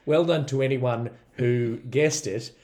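A man's voice: mid-range voice, slow, dark tone. Playful male podcast host. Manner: playful, laughs often, jokingly tries out accents. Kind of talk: casual chat, movie review podcast.

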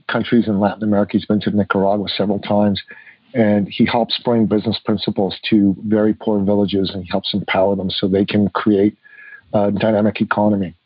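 A man's voice: lowish voice, no echo, lo-fi sound. Earnest Iranian-born man in his fifties. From Iran. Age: 50s. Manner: earnest, storytelling, with frequent uh fillers. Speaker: guest, author. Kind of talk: podcast interview.

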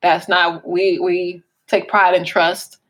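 A woman's voice: lowish voice, level tone, takes it slowly. A woman co-hosting a casual parenting podcast, talking earnestly with many fillers. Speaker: co-host.

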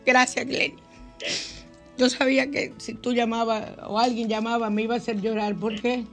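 A woman's voice: a little high, flat delivery, moderate pace, soft background music. An older woman hosting a spiritual call-in radio show, chatty, affectionate and emotional. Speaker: radio host.

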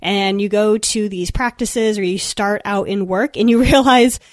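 A woman's voice: mid-range voice, measured pace, no echo, studio quality. A young woman veterinarian giving upbeat, chatty advice to students on a podcast, laughing now and then. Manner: upbeat, chatty, laughs often, acts out quotes. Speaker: veterinarian guest speaking to students. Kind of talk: podcast talk, advice monologue. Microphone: computer microphone.

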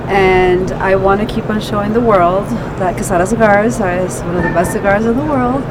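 Woman, effusive interview guest, mid-pitched voice, casual talk over clear background noise. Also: normal speed. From Cuba. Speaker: cigar maker, interview guest.

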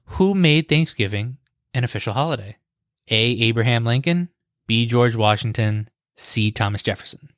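A man's voice: mid-range voice, dry recording. Game-show quizmaster man, dry sound. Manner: reads questions in a measured game-show way, laughs easily. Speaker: podcast host, quizmaster. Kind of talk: casual podcast quiz.

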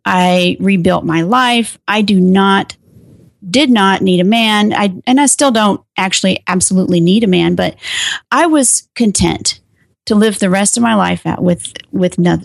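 A middle-aged woman, a guest telling her story in an interview, talking animatedly with sharp emphatic pitch rises. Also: creaky, no echo, studio quality. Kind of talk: personal interview.

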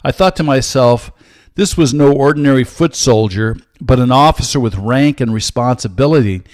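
An older American man hosting a program, teaching in an earnest, measured way with frequent pauses. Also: medium pitch, no echo, clean studio sound. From United States. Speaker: host, Bible teacher. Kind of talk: teaching monologue with personal story.

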